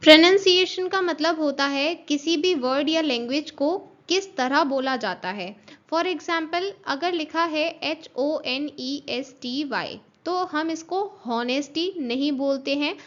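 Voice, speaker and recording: A woman with a high voice teaches an online class, working through each point step by step. She spells words out letter by letter and stops to ask whether her students are following. The recording is dull and lo-fi. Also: measured pace. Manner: explains step by step, spells out letters, checks in with "understood?". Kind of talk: online class lecture mixing Hindi and English.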